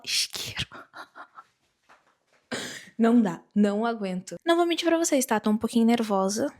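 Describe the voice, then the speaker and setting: A young woman from Brazil, chatting to camera in a giggly, expressive, storytelling way. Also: medium pitch. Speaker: vlogger. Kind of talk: casual chat to camera. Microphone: camera mic at a distance.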